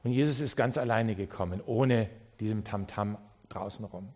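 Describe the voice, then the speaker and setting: A man preaching a sermon in a church. He moves between quiet, low passages and loud, rising appeals, and he often repeats words and restarts. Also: moderate pace.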